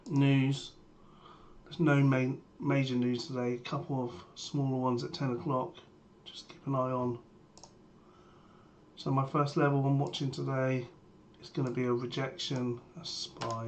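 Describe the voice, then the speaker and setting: Man, sore swollen throat, flat intonation, matter-of-fact trading commentary, background noise with keyboard typing. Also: medium pitch, measured pace. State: sore throat, strained under-the-weather voice. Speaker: trader sharing a premarket plan. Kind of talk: live market commentary.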